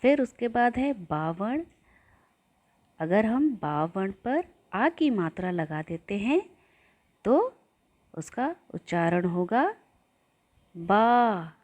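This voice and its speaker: A woman teaching young children, chanting rhymes and sounding out syllables in a slow sing-song way so they can repeat after her. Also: mid-range voice, big pitch swings, darkish tone. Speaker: primary school teacher.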